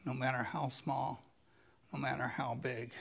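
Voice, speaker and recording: A man preaching a sermon as a pastor, slow and emphatic, with dramatic rises in his voice. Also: medium pitch, flat delivery, gravelly, fairly bright tone, husky.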